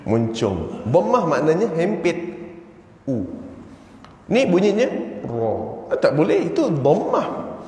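A Malaysian Malay religious teacher lectures in a mosque hall, chatting with the audience and chanting short phrases to show them. His voice is fairly high for a man, but mellow, and his pace is unhurried. The sound is roomy, with a long echo from the hall. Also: wildly swooping pitch.

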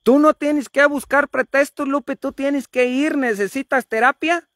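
A woman's voice: sits high, measured pace, no room sound, clean studio sound. A woman vlogger, teasing and swearing in casual chat.

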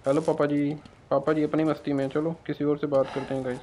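A man's voice: fairly high pitch, quick pace, slight background noise. A young man giving casual, joking gameplay commentary and chatting to his viewers. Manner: joking, excitable, talks to viewers. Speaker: gaming channel host.

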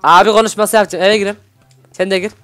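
A man hosting a Minecraft role-play, excitable, scolding and shouting at his characters between laughs. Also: sits high, fast, background noise. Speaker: YouTube gaming host.

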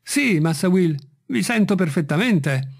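A man doing a fearful old servant, high-pitched. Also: animated, measured pace, creaky, full character voice. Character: old male servant, simple and fearful, climbing a tree. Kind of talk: audiobook reading.

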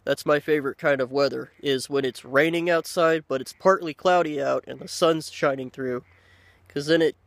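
A man in his thirties talks casually to a handheld camera outdoors. His voice sits a little high for a man, and he speaks in unhurried, halting phrases with pauses. The sound is dry, with no echo. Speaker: pipe-smoking video blogger. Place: outdoors by a lake in woods. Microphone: handheld camera at arm's length.

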